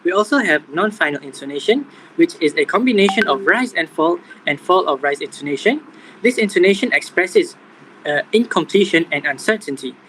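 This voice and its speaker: A young man reading out a scripted class presentation in a steady manner. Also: high voice, a little fast, slight background noise, poor audio. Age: young adult. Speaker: student presenter.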